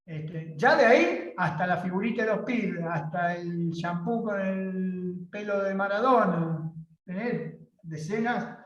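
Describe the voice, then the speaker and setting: A man's voice: high voice, slow pace. A man with an Argentine accent, a guest speaker explaining things conversationally and addressing his listeners directly. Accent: Argentine Spanish. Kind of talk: lecturing conversationally. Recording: roomy, distant, dull sound.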